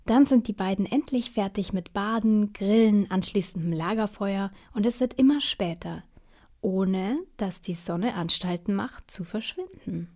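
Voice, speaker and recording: A woman reads a children's bedtime story in a soft, half-whispered voice. Her tone is mellow and dark, with a breathy, husky grain. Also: medium pitch, unhurried.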